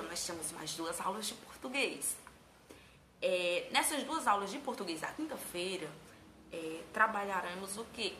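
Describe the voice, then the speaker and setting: A woman's voice: mid-range voice, bright, forceful tone, reverberant, a little hiss or hum. A woman teacher giving a recorded lesson to primary school children, patient and chatty, calling herself "tia".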